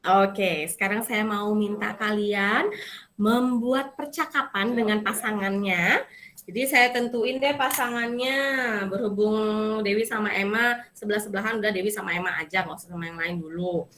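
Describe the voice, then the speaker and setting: A woman teaching a Japanese language class, coaching and correcting students in a lively way. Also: medium pitch, normal speed, a little hiss or hum. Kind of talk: online class instruction.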